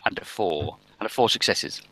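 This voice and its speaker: A man running a tabletop role-playing game as game master, talking haltingly with many ums and restarts. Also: lowish voice, sharp tone, low-quality recording.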